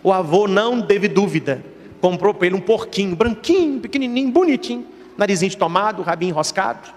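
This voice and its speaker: A man delivers a sermon in a high voice. He moves between teaching and storytelling, voicing the characters in his anecdotes. The sound rings with the long reverb of a large church hall. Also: fast. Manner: lively storytelling, acts out characters in stories.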